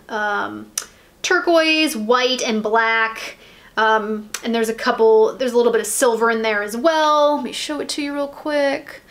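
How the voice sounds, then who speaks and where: A woman's voice: fairly high pitch, fairly bright tone. Chatty American woman rambling about polish. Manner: rambling, hesitant, lots of fillers and restarts. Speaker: nail polish vlogger. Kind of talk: casual haul chat.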